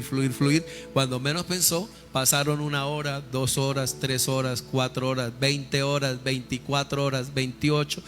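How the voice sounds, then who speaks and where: A male pastor preaching a sermon with call-and-response questions, building to loud fervent peaks. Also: mid-range voice. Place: church sanctuary. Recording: reverberant church hall with faint music.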